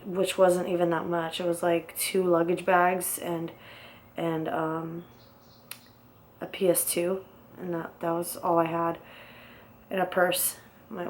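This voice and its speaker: A woman's voice: fairly low pitch, slight background noise. A young woman casually telling her own story in a rambling, blunt way, swearing often.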